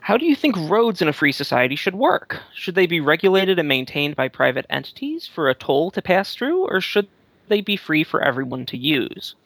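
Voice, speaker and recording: Wry, gravelly male co-host. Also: on the high side, very animated, normal speed, fairly bright tone, no echo. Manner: wry, joking. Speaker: co-host and producer. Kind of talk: call-in talk show banter.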